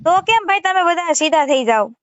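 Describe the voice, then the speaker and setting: A woman with a very high voice and lively intonation argues assertively by phone, her Saurashtra Gujarati accent clear as she scolds and repeats herself at a moderate pace. She's a channel creator taking the call, recorded in muffled audio with no echo.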